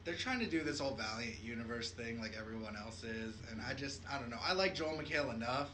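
Bright-voiced man hosting a casual chat. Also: mid-range voice, fast talker, a little hiss or hum, low-quality recording. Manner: laughing, swearing, retelling anecdotes. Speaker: podcast host.

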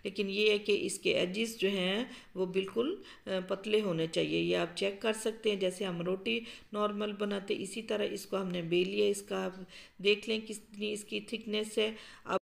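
Gravelly-voiced woman explaining a recipe. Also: medium pitch, normal speed. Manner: calm, explanatory, with frequent um fillers. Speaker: cooking show host. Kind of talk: step-by-step cooking instructions. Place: home kitchen.

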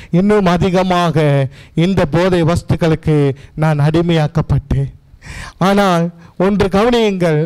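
A man's voice: extremely high pitch, clean tone, rough recording. A male pastor with a Tamil accent giving a personal testimony in an earnest, pleading preaching style with repeated phrases.

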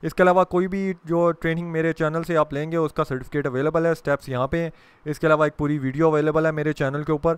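A young adult man from Pakistan delivers a training lecture straight to camera. His voice is fairly high for a man, smooth and crisp, recorded close and dry with no room sound. He explains step by step, dropping English terms into his sentences. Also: steady tone, no echo. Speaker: corporate trainer.

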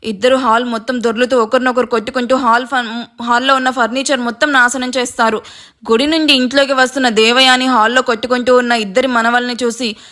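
A woman's voice: flat delivery, fairly quick. A woman narrating a dramatic family story, voicing each character's angry and tearful lines herself. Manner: acts every character's lines, raising pitch and volume for angry shouts and crying.

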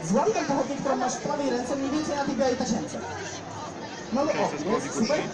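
A man's voice: very high voice, animated. Young male street juggler, joking crowd-work, distant phone recording in a noisy echoey square. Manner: joking, directs volunteers and crowd with quick instructions. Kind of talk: live street show patter to a crowd. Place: large outdoor town square with a big crowd. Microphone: no mic, caught by a phone camera in the audience.

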